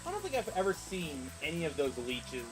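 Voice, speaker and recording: A man with a stuffy head cold streams a game and gives rambling, casual commentary, often restarting his sentences. His voice is a little high, fairly quick, and swings hugely in pitch. The audio is poor, with loud game music behind him.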